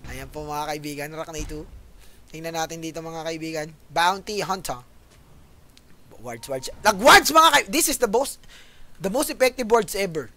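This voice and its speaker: A man with a Filipino accent giving animated esports play-by-play, switching between Tagalog and English and addressing viewers directly. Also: a little high. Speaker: esports commentator. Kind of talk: live esports play-by-play commentary.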